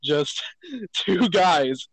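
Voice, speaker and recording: A man's voice: high-pitched, big pitch swings, very slow, gravelly, breathy edge, no echo, low-quality recording. A young man talking casually and a little ramblingly, with many fillers, as a podcast co-host. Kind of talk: casual chat.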